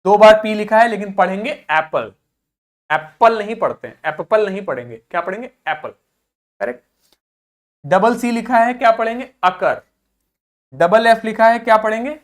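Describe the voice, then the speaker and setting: Man, English teacher, video lesson, asks and answers his own questions, repeats words slowly. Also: high voice, animated. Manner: quizzes listeners and answers himself, repeating example words slowly.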